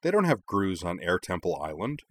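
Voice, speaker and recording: A man's voice: deep voice, big pitch swings, moderate pace. A man voicing a curious, bold five-year-old boy in a read-aloud story.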